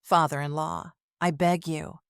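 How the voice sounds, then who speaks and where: A woman's voice: deep voice, level tone, measured pace, gravelly, clean tone, no echo, clean studio sound. A woman voicing a scheming older mother-in-law in a narrated family drama, begging and possessive.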